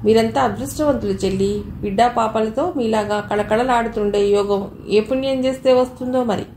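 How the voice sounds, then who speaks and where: A woman's voice: fairly high pitch, a little fast, darkish tone, a little hiss or hum, close to an everyday voice. A woman voicing a childless elder sister who speaks wistfully and gratefully, in a storybook reading. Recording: echoey room, faint ambience.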